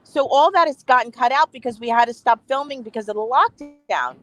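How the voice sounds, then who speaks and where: Speaking a little fast in a high, fairly bright voice, a reality TV cast member chats emphatically and laughs often as a guest in a casual interview. She's on a remote video call with a bad connection.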